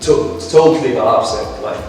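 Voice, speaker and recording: A man's voice: mid-range voice, a little fast, music in the background. A young man in his late teens from Yemen, a student who talks bluntly and playfully and laughs often. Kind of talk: casual Q&A chat. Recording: echoey hall from far off.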